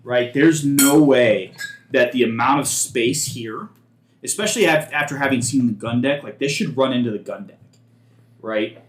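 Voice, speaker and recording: A man's voice: medium pitch, moderate pace. A man running a tabletop game as game master, chatting and explaining the setting at length. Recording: echoey room, faint noise.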